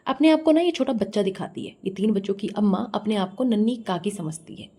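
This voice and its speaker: Scornful woman with a mellow voice. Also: mid-range voice, expressive, fairly quick. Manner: scornful, scolding; asks the viewers directly. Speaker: reaction vlogger. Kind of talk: mocking reaction commentary.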